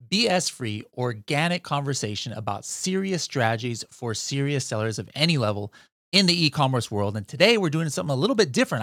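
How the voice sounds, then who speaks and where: A man hosting a podcast in casual interview chat, upbeat and quick with follow-up questions. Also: on the high side, a bit bright, dry recording, clean studio sound. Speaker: podcast host.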